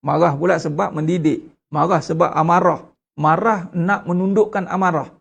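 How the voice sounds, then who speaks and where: A man with a Malaysian Malay accent giving an Islamic study lecture, putting rhetorical questions to the congregation with lively emphasis. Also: a little high, moderate pace, vocal fry, husky, highs cut off. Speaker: religious teacher.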